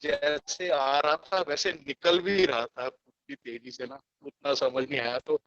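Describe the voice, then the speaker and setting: A man's voice: fairly high pitch, fairly even intonation, unhurried, fairly bright tone, highs cut off. A man calling into an online devotional Q&A, his audio breaking up and cutting out as he greets politely. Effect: call audio breaking up and cutting out.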